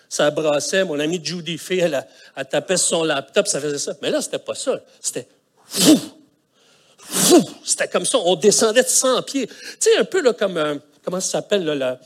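A middle-aged man with a Quebec French accent, preaching a sermon as a colloquial, animated story with vocal sound effects. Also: sits high. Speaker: pastor.

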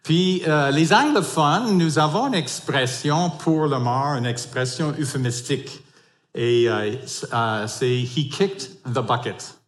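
A man in his fifties whose first language is English, giving a church sermon with an English accent, halting with many fillers and restarts. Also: on the high side, animated, echoey room. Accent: English-speaking, in French. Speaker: pastoral council member.

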